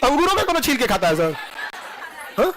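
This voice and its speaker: Male classroom teacher, high pitch, tense bright tone, teasing and jokey. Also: very animated, a little fast, a faint crowd, a little hiss or hum. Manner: joking, teasing students, laughing often. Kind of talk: classroom lecture.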